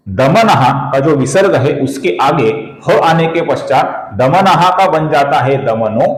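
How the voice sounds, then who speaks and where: Man, spiritual teacher, Sanskrit pronunciation lesson, slow deliberate chanting, earnest, echoey room. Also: on the high side. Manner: slow deliberate chanting of verses, explaining sounds; addresses viewers as friends, earnest and instructive. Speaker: spiritual teacher and channel host.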